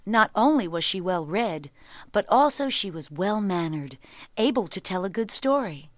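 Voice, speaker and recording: A woman reading a children's fairy tale aloud, her voice at an ordinary middle pitch but full of animated rise and fall. The recording is close and dry, with no room echo. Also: moderate pace. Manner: expressive storybook telling. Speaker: storyteller. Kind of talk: scripted children's story narration.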